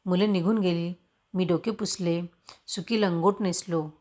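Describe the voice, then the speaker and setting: A woman narrating a classic story in a steady, expressive reading voice. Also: fairly low pitch, measured pace. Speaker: story reader. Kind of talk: scripted narration of a Marathi classic.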